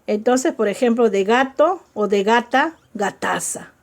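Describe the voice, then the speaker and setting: A woman's voice: a little high, expressive, unhurried. A woman teaching a spelling lesson, spelling out letters, repeating examples and checking in with her listeners.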